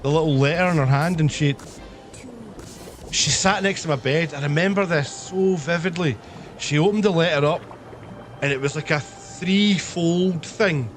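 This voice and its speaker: A man streamer telling a story casually on a live stream, swearing heavily and animated in his retelling. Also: on the high side, normal speed, faint music behind.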